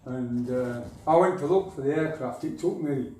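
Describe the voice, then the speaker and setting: Speaking at a moderate pace in a mellow, mid-range voice, an older man from northern England shares rambling, wry stories as a local history speaker addressing a society. The recording comes from far away in an echoey hall.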